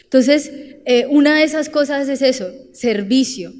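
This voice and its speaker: A young woman with a Colombian accent preaching a sermon, animated and direct, acting out the voices she quotes. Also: sits high, normal speed, big-room sound. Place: church.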